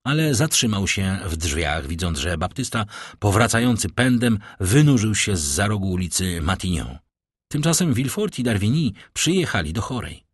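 A man reading an audiobook aloud in a measured, dramatic way. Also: fairly low pitch, sing-song, slightly rough, dry recording, studio quality. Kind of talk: audiobook narration.

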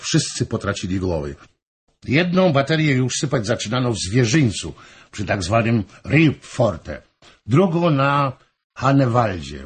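A man narrates a historical novel as an audiobook, expressive and measured. His voice is low and strongly husky, and his pitch moves in lively swings.

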